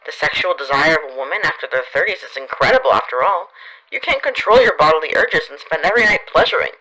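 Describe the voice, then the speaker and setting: A woman's voice: quick pace, exaggerated voice, poor audio. A woman voicing a flirtatious, brash middle-aged female company president in an audiobook, with a teasing, playful manner. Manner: teasing, playful, lively swings in pitch.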